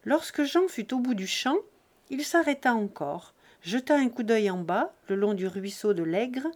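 A woman narrating a classic novel as an audiobook, in measured, expressive phrasing with short breath groups. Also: medium pitch. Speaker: audiobook reader.

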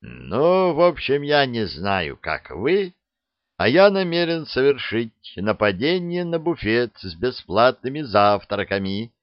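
A man's voice: medium pitch, big pitch swings, slow, no room sound. A man voicing a suave, carefree male captain who talks in an airy, languid way. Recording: dull dry recording.

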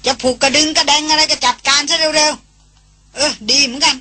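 A woman's voice: sits high, steady tone, moderate pace, bright, forceful tone, voice pushed up. Woman doing a brash, mocking young man. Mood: teasing.

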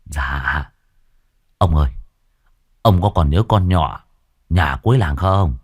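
A man's voice: extremely low pitch, slow, breathy edge, pitched below the performer's own voice, full character voice. A man voicing a sly, fawning male servant who coaxes his master with polite, wheedling talk in a storybook reading. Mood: scheming.

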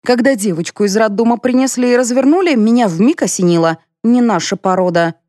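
A woman reading an audiobook, voicing a cold, domineering older matriarch who speaks slowly and deliberately. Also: a little high, warm tone, no echo, clean studio sound, voice pushed up, lightly acted. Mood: smug. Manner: slow, stony and deliberate.

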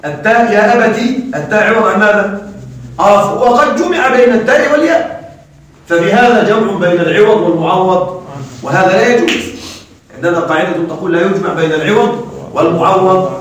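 A man teaching grammar in a classroom lecture, quizzing his students with quick questions. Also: sits high, lively intonation, a little hiss or hum. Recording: very echoey room, mic far off.

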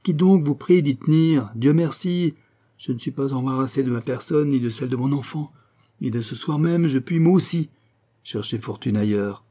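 A man reading an audiobook voices a scornful, sharp-tongued young mother, mocking and quick to anger. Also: mid-range voice, close to an everyday voice. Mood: angry. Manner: mocking, exasperated.

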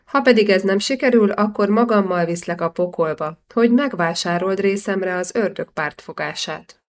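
A woman's voice: medium pitch, close to an everyday voice. Woman reading as a brash giant nobleman. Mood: boisterous. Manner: blustering, commanding. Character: brash giant young nobleman, male, boisterous. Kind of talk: audiobook character reading.

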